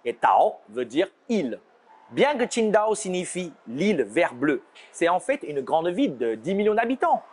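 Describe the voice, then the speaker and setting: A man from China with a Chinese accent, explaining brand names in a playful, scripted lesson and slowing down to show how words are said. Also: sits high, very animated. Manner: playful, slows down to demonstrate pronunciations. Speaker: language teacher.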